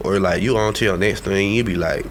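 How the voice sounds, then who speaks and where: A man's voice: low-pitched, a little fast, slight background noise. A man of twenty-one hosting a casual podcast, talking in hyped, slangy bursts. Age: 20s. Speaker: podcast host.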